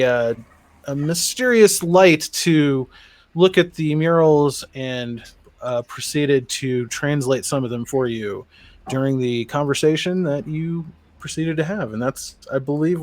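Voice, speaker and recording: A man running a tabletop game as game master, narrating with many fillers and pauses. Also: a little high, darkish tone.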